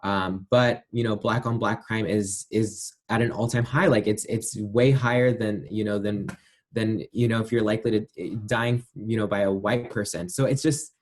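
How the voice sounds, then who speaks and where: A man's voice: lowish voice, steady tone, normal speed. A man being interviewed, giving his views in a thoughtful, hedging way with many fillers. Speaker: interview guest. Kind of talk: casual interview answers.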